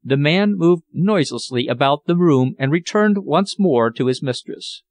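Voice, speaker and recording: A man narrating an audiobook in a measured, expressive way. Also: a little high.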